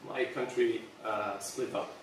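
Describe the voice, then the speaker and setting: A product designer in his thirties, from Serbia, delivers an earnest public presentation to a small audience at a slow pace, his medium-pitched voice steady and broken by frequent ums. A distant camera in the meeting room adds heavy reverb and a faint hiss or hum.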